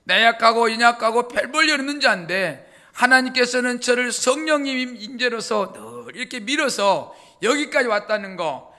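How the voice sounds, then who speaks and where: A man, a pastor preaching a lively, colloquial sermon story. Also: extremely high pitch.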